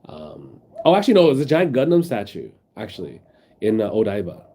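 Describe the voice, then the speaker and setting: A man's voice: lowish voice, huge pitch swings, a little fast, warm tone. A sick, sniffling man streaming from his phone, rambling in casual chat with his viewers and reading their messages aloud. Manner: rambling, reads chat aloud, many fillers.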